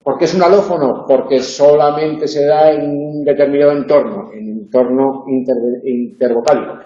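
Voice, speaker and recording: Speaking at a normal speed with a warm, steady, mid-range voice, a man lectures at university level on phonology in a classroom. He breaks things down step by step, leaning often on "eh" and tag questions, in a dull, lo-fi recording from an echoey room.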